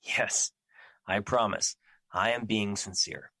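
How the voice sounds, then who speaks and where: Man playing solemn, formal Fear, low and forceful. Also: slow pace, gravelly, no echo, heavily acted. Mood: sincere, gentle. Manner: formal, stilted, earnest phrasing without contractions. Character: Fear personified, solemn male immortal entity, remorseful and protective. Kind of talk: audio drama acting.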